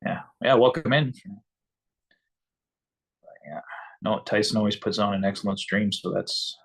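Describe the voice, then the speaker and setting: A man's voice: lowish voice, normal speed, vocal fry, husky. A man from Canada co-hosting a casual fan stream, chatting easily and reading out viewer comments. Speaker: co-host of a fan game-watch stream. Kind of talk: casual live game chat.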